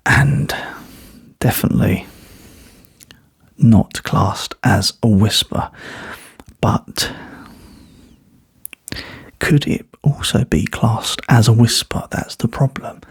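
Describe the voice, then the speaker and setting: A man whispering softly into a close binaural microphone, musing aloud and asking the listener rhetorical questions. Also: on the low side, creaky, husky, dry recording. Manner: very soft whisper, sometimes barely audible. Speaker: ASMR creator. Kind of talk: ASMR whispering.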